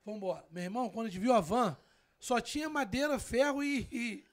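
Brief: high-pitched man, slangy and animated, tells a road-trip yarn. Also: a little fast. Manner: animated, slangy, acts out quoted dialogue. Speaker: guest storyteller. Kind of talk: casual storytelling.

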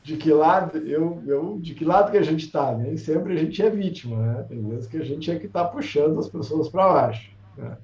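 A man hosts an online book club in a relaxed, chatty way, laughing easily and reading passages slowly. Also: on the high side. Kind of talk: casual live-stream chat. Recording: roomy, muffled lo-fi sound.

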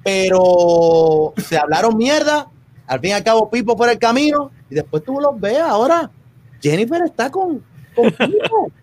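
A man's voice: very high voice, big pitch swings, unhurried, a little mellow. A man, a guest in a casual podcast chat, joking and mimicking people.

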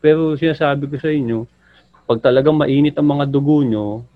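A man's voice: a little high, a little fast, no room sound. A joking man co-hosts a casual chat, handing out playful advice with a bit of slang. His voice comes across dry and close, with a slightly dull, muffled sound. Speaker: podcast co-host.

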